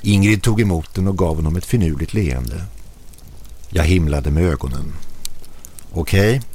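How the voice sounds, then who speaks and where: A man reading a first-person story aloud as an audiobook narrator, calm and measured. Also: sits low, breathy edge.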